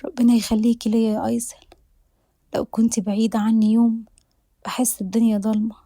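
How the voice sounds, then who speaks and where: A woman's voice: a little high, level tone, a little fast, no echo. A woman voicing a kind, frail older mother who speaks tenderly, with an Egyptian accent. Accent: Egyptian Arabic. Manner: tender, soft-spoken.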